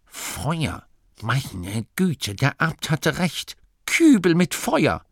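A man's voice: on the low side, big pitch swings, creaky, dry recording, studio quality, exaggerated voice. A man voicing a small male nome who solemnly recites shop-sign slogans in a lofty, declaiming manner, in an audiobook reading. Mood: excited. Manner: lofty, slow, declaiming like an advert.

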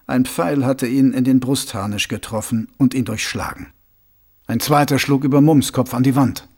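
A man narrating a novel as an audiobook in a lively storytelling manner. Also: mid-range voice, moderate pace, slightly rough. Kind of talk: scripted narration.

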